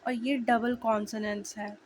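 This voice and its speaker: A young woman with a slightly hoarse voice, chatting casually to viewers as she shares her language-learning notes and sounds out letters slowly. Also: fairly high pitch, flat delivery, a little hiss or hum, low-quality recording. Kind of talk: casual video lesson.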